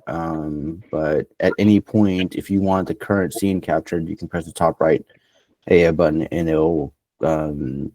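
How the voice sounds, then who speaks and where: Deep, mellow man in dry sound. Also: no room sound. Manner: plain explanatory with fillers. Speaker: product presenter. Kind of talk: live webinar Q&A.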